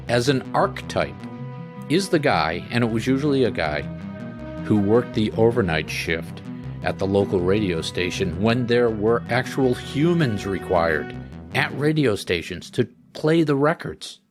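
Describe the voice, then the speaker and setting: A man's voice: mid-range voice, sing-song, measured pace. A male podcast host chatting casually and rambling with joking asides, tired after a late night. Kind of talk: casual chat. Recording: music playing underneath.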